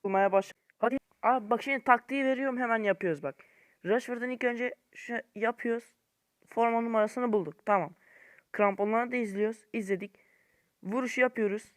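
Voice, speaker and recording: A young man giving casual gameplay commentary to viewers in an informal, slangy way, swinging between low muttering and frustrated shouting. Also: a little fast. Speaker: gaming YouTuber.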